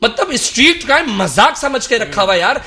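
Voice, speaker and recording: High, bright-voiced impassioned man. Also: big pitch swings. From Karachi, Pakistan. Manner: impassioned, emphatic, rhetorical. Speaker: talk show guest. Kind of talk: political talk show discussion.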